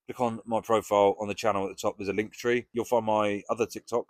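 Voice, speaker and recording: A man's voice: fairly low pitch, little pitch movement, quick pace, no room sound. A British man talking casually and frankly to camera as a vlogger, with plenty of swearing. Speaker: recovery vlogger.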